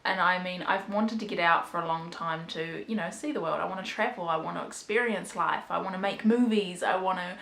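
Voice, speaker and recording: A woman's voice: lowish voice, a little fast, gravelly, few pauses, a bit bright, reverberant. A young woman in her twenties with a New Zealand accent, talking candidly and rambling to her camera at home in a casual vlog. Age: 20s. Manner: rambling, candid, self-deprecating. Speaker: vlogger. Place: bedroom at home.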